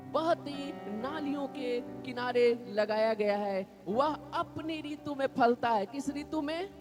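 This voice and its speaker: A pastor delivers a sermon in an unhurried, measured way, leading the congregation in call-and-response declarations. His voice sits high for a man. Faint music plays behind him. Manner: repetitive call-and-response preaching, has congregation repeat declarations. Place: church.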